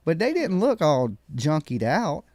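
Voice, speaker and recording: A man's voice: on the high side, huge pitch swings, unhurried, darkish tone, dry recording. A man hosting a live stream panel, chatting casually in a folksy, slangy way.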